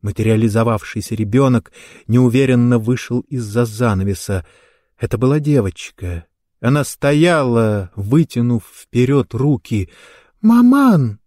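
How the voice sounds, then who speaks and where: Slow, measured male story narrator. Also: mid-range voice, no echo, studio quality. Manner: slow, measured, even reading. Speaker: audiobook narrator.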